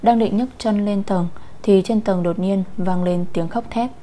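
A woman narrating an audio story in steady, even storytelling. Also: mid-range voice, measured pace.

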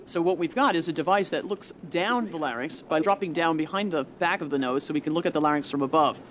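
A woman's voice: low voice, quick pace, slight background noise. A woman scientist giving a plain-worded, step-by-step explanatory demonstration for a documentary.

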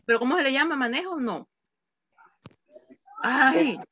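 Bright-voiced teacher woman, slow and patient. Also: high-pitched, husky, no room sound, muffled recording. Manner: patient, repeats words slowly for students. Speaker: English teacher. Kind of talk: online English class explained in Spanish. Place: home. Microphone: computer mic on a video call.

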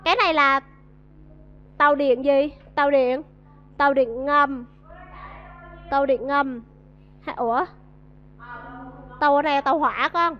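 A woman with a Vietnamese accent leads a class through an English vocabulary lesson, coaxing answers and drilling pronunciation. Her voice sits high, and she speaks at a measured pace with frequent pauses. The audio is dull and lo-fi.

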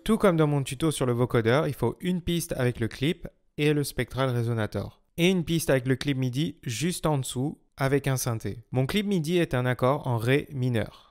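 A man's voice: medium pitch, moderate pace, few pauses, a little mellow. A man narrating a music production tutorial in a scripted style.

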